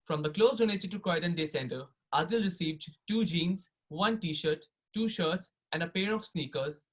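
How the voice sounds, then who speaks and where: A man's voice: on the high side, moderate pace, fairly bright tone, breathy edge, rough recording. A man who is a student presenter, reading a prepared script for a presentation.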